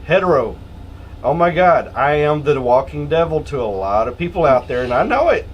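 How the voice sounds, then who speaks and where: A man's voice: on the high side, very animated, normal speed, lo-fi sound, slight background noise. A man with a Southern American accent speaking emphatically, like a preacher, in an opinionated religious discussion. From Texas, USA. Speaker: panelist on a religious discussion show. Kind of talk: opinionated group discussion with scripture reading.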